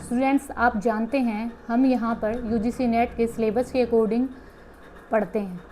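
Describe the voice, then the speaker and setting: Woman, teacher, exam-prep lecture, mixes in English terms, fairly high voice, faint background hiss. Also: steady tone, unhurried, dark tone, poor audio. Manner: explanatory, asks and answers own questions.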